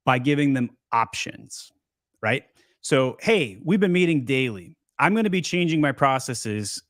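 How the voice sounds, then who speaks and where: A man's voice: medium pitch, fairly bright tone, dry recording, studio quality. A man hosting a live question-and-answer stream, giving blunt, joking advice in a casual chat. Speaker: host of a live seller Q&A.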